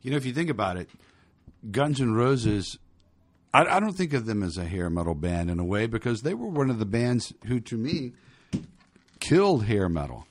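A man's voice: mid-range voice, sing-song, normal speed. A man co-hosting a casual rock podcast, arguing his case with stammering restarts. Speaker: podcast co-host. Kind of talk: casual chat.

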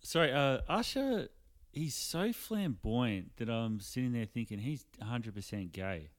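A man's voice: mid-range voice, expressive, a little slow, no echo. A man co-hosting a podcast, chatting casually with crude, sweary banter. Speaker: podcast co-host. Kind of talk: casual chat.

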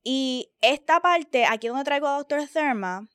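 A woman's voice: sits high, expressive, normal speed, fairly bright tone, no echo, studio quality. A young woman with a Puerto Rican accent, co-hosting a podcast as casual chat, telling stories with animation and switching into English phrases. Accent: Puerto Rican Spanish. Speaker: podcast co-host.

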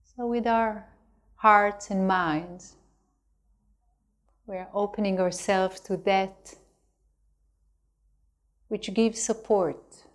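A woman leads a guided meditation at medium pitch, speaking gently and slowly, leaving long pauses between phrases.

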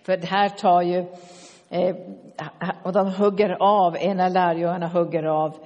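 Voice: mid-range voice, muffled recording. Older preacher, sermon, storytelling with asides, hall echo. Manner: lively storytelling with asides, drops to soft tones for tender passages.

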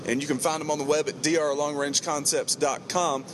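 A man's voice: a little high, little pitch movement, fairly quick. Man hosting casually from noisy truck cab. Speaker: podcast host, firearms instructor. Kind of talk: casual chat. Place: inside a moving truck cab. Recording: clear road and vehicle noise.

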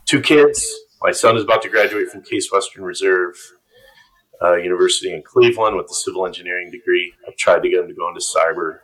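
A man's voice: deep voice, fast talker, a bit bright, low-quality recording. A man in his fifties from upstate New York, a podcast guest chatting casually and self-deprecatingly about his life. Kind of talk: casual interview chat.

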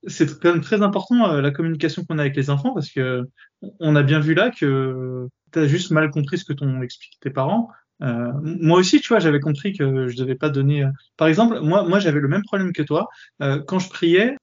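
A podcast host with a fairly high voice conducts a casual interview, speaking hesitantly with many fillers and restarts. The recording sounds muffled.

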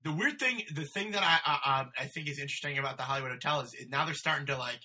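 A fairly high, husky-voiced man co-hosting a podcast over a remote call. He chats loosely and bursts into exaggerated impressions of what people said. His tone is bright and forward. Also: rapid-fire. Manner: animated storyteller, acts out quotes in exaggerated voices. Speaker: podcast co-host. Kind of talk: casual chat. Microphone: remote call microphone.

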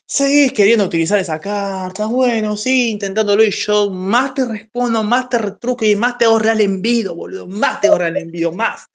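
Argentine male streamer, high pitch, sneering repetitive heckler who won't let others speak. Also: brisk, hardly any pauses. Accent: Rioplatense Spanish. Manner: mocking, repetitive, talks over others. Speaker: streamer in a voice-chat space. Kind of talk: heated taunting banter.

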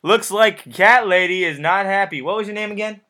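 High, bright-voiced man hosting. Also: moderate pace. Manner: playful, jokey. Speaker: mock news host. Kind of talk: playful mock news sketch.

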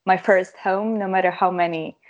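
A woman's voice: mid-range voice, fairly even intonation, normal speed, muffled recording. A 21-year-old woman from Croatia, chatting as a podcast guest, giggling often and filling her talk with "like". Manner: giggly, chatty, many "like" fillers. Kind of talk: casual podcast interview.

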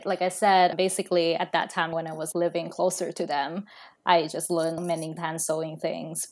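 Here a low-voiced woman from Thailand, the founder of a fashion brand, talks casually as a podcast interviewee. Her manner stays thoughtful and easygoing, peppered with fillers such as "like" and "you know."

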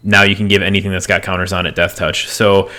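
Bright-voiced man in relaxed chat. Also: sits low, fast talker. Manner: relaxed, many fillers and restarts. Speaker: podcast co-host. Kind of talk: casual chat about card game decks.

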